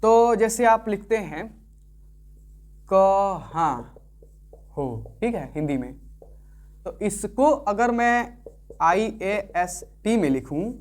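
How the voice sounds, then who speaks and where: A man's voice: high voice, lively intonation, slow. A male teacher gives a careful, step-by-step online lesson. He goes back over each point several times and keeps asking whether the listener follows before he moves on. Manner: repetitive, keeps checking understanding with tag questions. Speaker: Sanskrit teacher.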